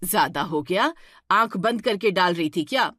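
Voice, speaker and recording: A woman voicing a stern, scolding middle-aged mother-in-law in a cartoon story, firing sharp questions at her daughter-in-law. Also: on the low side, lively intonation, normal speed, dry recording, clean studio sound.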